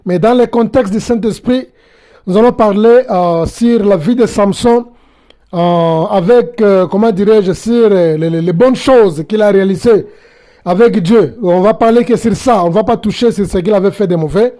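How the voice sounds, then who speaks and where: A male Bible teacher delivering a sermon with a high, mellow voice. He pauses often and repeats key phrases as he explains them. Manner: hesitant, many pauses and repetitions.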